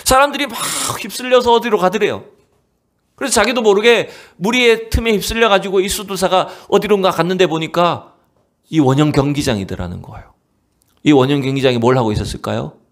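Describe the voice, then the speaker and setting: A man preaching a sermon as pastor of a church. He tells a story dramatically, asks the congregation rhetorical questions, and swings between raised exclamations and hushed near-whispers. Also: medium pitch. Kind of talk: Wednesday evening sermon. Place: church sanctuary.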